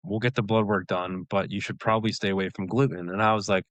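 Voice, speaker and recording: A man's voice: on the low side, fast, no echo. Laid-back man telling his story. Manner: relaxed storytelling, many "like" fillers, laughs often. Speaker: guest, elite runner. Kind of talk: casual interview chat.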